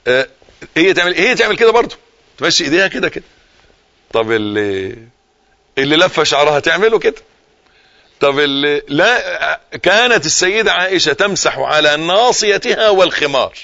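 A man with an Egyptian accent giving a live religious lesson, repeating key phrases and dropping from forceful emphasis into hushed tones. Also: on the high side, lively intonation, brisk, creaky, long pauses, highs cut off. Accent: Egyptian Arabic. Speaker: religious teacher.

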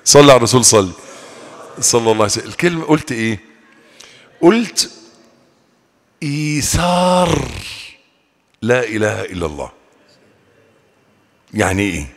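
Fervent Egyptian preacher in a reverberant hall. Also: male voice, mid-range voice, sing-song. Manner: fervent, alternating slow prayer with quick colloquial asides to the audience. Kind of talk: mosque sermon and lesson. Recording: long reverb of a large hall.

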